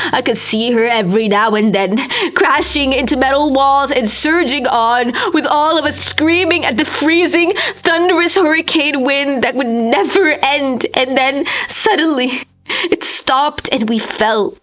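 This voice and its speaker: Reading a scripted horror tale aloud, a woman amateur audiobook narrator performs with theatrical intensity, using breathy whispers and strained cries. Her voice is high and a bit bright, and she doesn't hurry.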